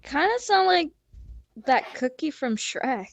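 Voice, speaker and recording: A woman's voice: high-pitched, big pitch swings, takes it slowly, creaky, dull audio. A giggly woman joining a casual podcast chat.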